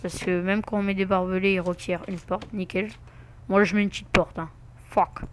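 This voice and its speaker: A man's voice: high voice, little pitch movement, fairly quick, fairly bright tone, slight background noise. A man giving casual gameplay commentary, muttering to himself with asides and mild swearing. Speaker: let's play gamer.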